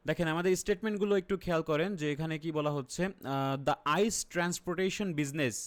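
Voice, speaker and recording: A man with a Bangladeshi accent teaching an exam-prep lesson online. He keeps asking his viewers questions and then answers them himself. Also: a little high. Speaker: IELTS teacher.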